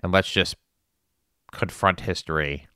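A man delivering an earnest monologue on current events in deliberate, halting phrases with emphatic repetition. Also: sits low, steady tone, bright, forceful tone, clean tone, no echo, studio quality. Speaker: spin class instructor.

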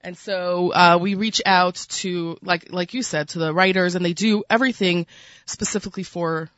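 A woman's voice: on the low side, fairly even intonation, moderate pace, fairly bright tone, no echo, highs cut off. A woman with a Brooklyn accent talking casually as an interview guest, chatty and peppering her speech with "like" and "you know". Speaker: food magazine editor, interview guest.

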